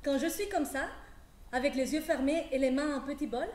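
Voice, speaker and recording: A woman performs a stage monologue in a measured, intimate way. Her voice sits high, and the sound carries the roominess of a theatre stage. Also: darkish tone, roomy sound.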